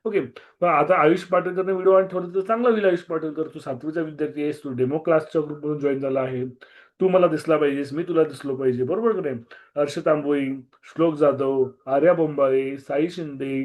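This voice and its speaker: A slightly hoarse man with a Marathi accent, teaching a strict online maths class over a video call and repeating key words, with some English mixed in. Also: fairly high pitch, a little fast. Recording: muffled video-call audio.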